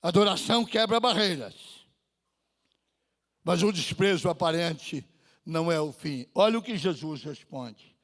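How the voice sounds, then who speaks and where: A male pastor preaching a sermon, dramatic and slow, drawing out pleas and swinging from loud cries to near-whispers. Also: a little high, expressive. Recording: long church reverb.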